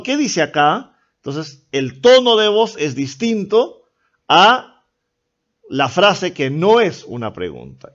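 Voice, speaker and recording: A Peruvian man teaching a lecture-style class with a voice that sits a little high. He explains step by step and keeps checking with "¿no?". The recording sounds dull and lo-fi. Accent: Peruvian Spanish. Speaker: language teacher.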